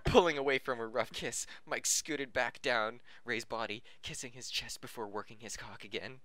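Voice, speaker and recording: A podcast host reads fan fiction aloud in a bright, forward, medium-pitched voice at normal speed, recorded dry with very little room sound. Amateurish and giggly, he stumbles over the text, restarts phrases and often breaks up.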